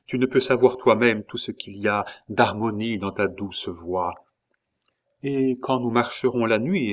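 A man voicing a tender young noblewoman in love, speaking softly and with longing. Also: fairly low pitch, lightly acted. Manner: soft, yearning.

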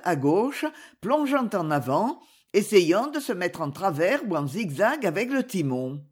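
A narrator reading a literary novel aloud in an expressive, lively manner with a husky voice. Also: medium pitch.

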